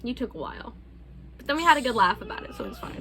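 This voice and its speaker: A woman's voice: a little high, sing-song, very fast, over music. A young adult woman hosting a casual couple's Q&A vlog, chatting candidly with loose, profane phrasing. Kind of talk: casual chat.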